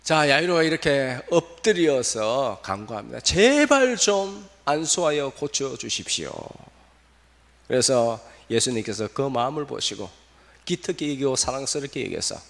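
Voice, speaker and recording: An animated male pastor preaching in a church, his pitch swinging widely as he questions his congregation. A gravelly edge runs through his voice, which carries a long hall reverb. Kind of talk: sermon. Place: church sanctuary.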